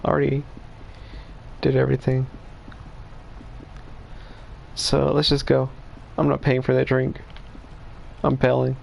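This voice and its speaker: A man's voice: medium pitch, monotone, unhurried, gravelly, long pauses, darkish tone, slight background noise. A male streamer giving casual, laid-back gameplay commentary, laughing and cussing as he plays.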